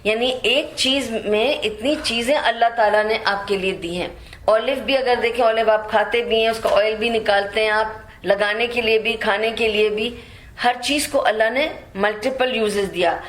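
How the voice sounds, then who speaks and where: A woman's voice: a little high, slight background noise. Woman teaching Quran commentary in an echoey room. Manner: explains in Urdu mixed with English words; recites verses slowly, then explains.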